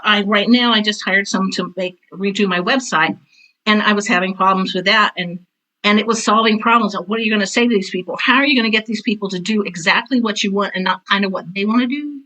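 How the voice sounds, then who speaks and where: An older woman, a theater teacher and author, talks casually as an interview guest in a mid-range voice that is fast, pushed and bright, though the audio is poor. Self-described as intense and direct, she emphatically repeats phrases.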